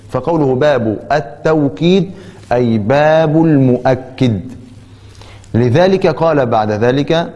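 A man teaching a grammar lesson, explaining deliberately and stressing and repeating key terms. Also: mid-range voice, a little mellow, long reverb tail.

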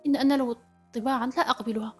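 A woman narrates a story in the first person, reading briskly and steadily. Her voice sits a little high and the pace is fast. Soft music plays faintly behind her. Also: steady tone, husky. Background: faint background music.

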